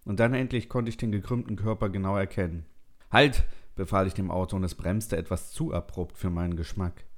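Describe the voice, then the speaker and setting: A man reading a story aloud in a calm, measured first-person narration. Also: low voice.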